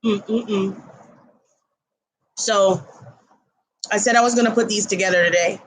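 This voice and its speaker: A woman's voice: medium pitch, brisk, poor audio. A woman hosts a casual livestream from her home kitchen, greeting viewers while she eats. She talks up so a laptop mic across the room can catch her, and her tone stays easy and conversational. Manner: chatty, eats while talking; talks loudly to carry to the laptop. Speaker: livestream host.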